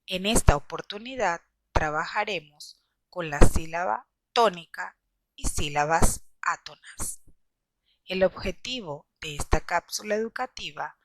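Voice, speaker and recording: Slow, measured woman teacher. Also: fairly low pitch, a little hiss or hum. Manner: slow, deliberate explaining to children. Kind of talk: scripted classroom lesson.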